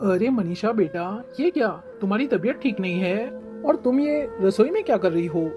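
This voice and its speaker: A woman voicing a kind older father-in-law in a cartoon, speaking with gentle concern. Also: medium pitch, animated, moderate pace, music in the background, close to an everyday voice.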